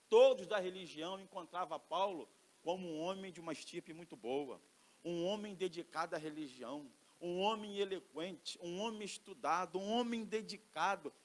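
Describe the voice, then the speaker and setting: A Brazilian male pastor preaching a sermon, moving between loud emphatic exclamations and quiet asides, often questioning the congregation directly. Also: high-pitched.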